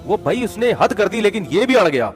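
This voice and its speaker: A man's voice: high voice, sing-song, soft background music. A man giving moral advice through stories, in a conversational way, often calling his listeners brother. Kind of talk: storytelling advice talk.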